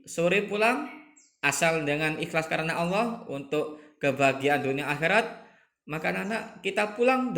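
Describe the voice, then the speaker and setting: A man in middle age teaches a religion lesson in a medium-pitched voice. He repeats his points and draws out the recitation examples for his students. His voice rings in an echoey room. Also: a bit bright. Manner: addresses students as children, repeats phrases, stresses recitation examples. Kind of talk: recorded class lesson.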